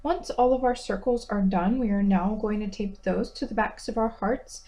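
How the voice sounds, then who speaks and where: A woman's voice: medium pitch, normal speed, dark tone. A young woman giving a casual, upbeat craft tutorial voice-over, chatty with self-deprecating asides. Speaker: DIY vlogger.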